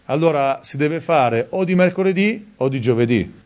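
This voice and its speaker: A man preaching a sermon in a conversational way, reading scripture aloud and stressing key words with sudden high emphasis. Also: lively intonation, moderate pace, a little mellow.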